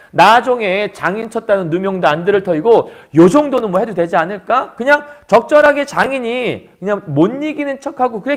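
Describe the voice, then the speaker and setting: A male literature teacher lecturing, animated and often asking questions to the class. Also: high-pitched.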